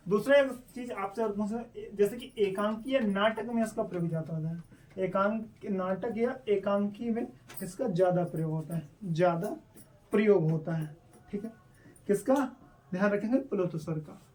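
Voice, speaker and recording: A man's voice: sits high, a little mellow, far from the mic. A male teacher explaining step by step in an online exam-prep lesson, asking questions and answering them himself.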